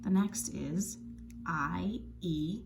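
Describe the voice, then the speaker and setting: A woman teaching a phonics lesson to children, sounding out letters and words in slow, drawn-out drills. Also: on the low side, vocal fry, music in the background.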